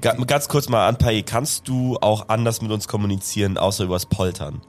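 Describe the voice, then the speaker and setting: A man's voice: fairly low pitch, brisk, a little hiss or hum. A man, chatting casually as a player in a tabletop role-playing game.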